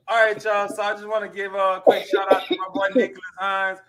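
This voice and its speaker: A man who is the DJ and co-host, reading viewer names in laid-back, casual shout-outs. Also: high voice, completely flat delivery, a little fast. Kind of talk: casual live-stream chat.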